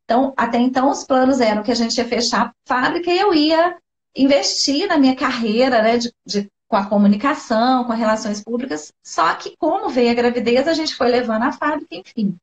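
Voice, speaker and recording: A woman's voice: high-pitched, a little fast. A woman with a Brazilian Portuguese accent, a guest sharing a personal story with heartfelt emotion on a video call, often saying "né" and "sabe". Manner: heartfelt, tearful at times, fills speech with "né" and "sabe". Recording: dull lo-fi live stream audio.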